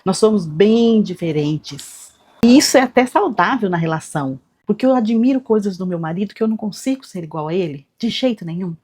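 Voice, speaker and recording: A woman hosting a talk, speaking calmly and softly, sharing personal reflections with the viewer. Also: medium pitch, brisk, slightly rough. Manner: calm, soft-spoken, personal. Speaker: host.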